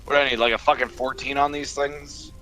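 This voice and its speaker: A man's voice: medium pitch, flat delivery, a little fast, pushed and bright, soft background music. A man playing in a tabletop role-playing game, talking casually and swearing often. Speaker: player. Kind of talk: casual tabletop gaming chat.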